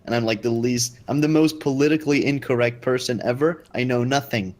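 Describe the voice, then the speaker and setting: A man's voice: mid-range voice, brisk, darkish tone. Rambling Icelandic-born man chatting. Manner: rambling, self-deprecating, filler-heavy. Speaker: podcast guest. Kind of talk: casual chat.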